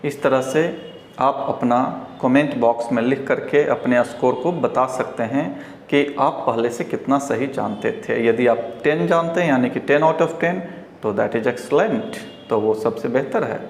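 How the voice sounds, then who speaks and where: Hindi-accented guy teaching pronunciation slow, repeats words, echoey classroom w/ faint hum. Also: medium pitch. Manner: slow, deliberate, repeats each word several times. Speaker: English teacher. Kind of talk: pronunciation lesson at a board. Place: classroom with a board. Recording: echoey room with faint ambient noise.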